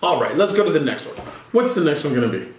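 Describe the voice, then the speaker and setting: A little fast and a little high, his voice swings widely in pitch as he gives a child a patient English vocabulary lesson. He moves between Spanish and English and spells out words letter by letter, in an echoey room where background noise can be heard.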